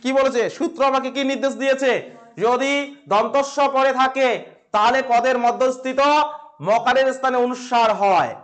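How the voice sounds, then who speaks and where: A man with a West Bengal accent teaches a grammar lesson in class, posing questions and answering them himself. His voice is very high and a bit bright with fairly even intonation, and he stresses key words slowly and repeats them.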